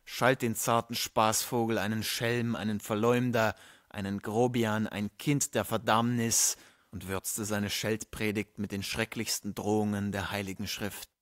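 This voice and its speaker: Male audiobook narrator, low voice, steady measured reading, dry close mic. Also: dry recording. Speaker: audiobook reader. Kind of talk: scripted narration.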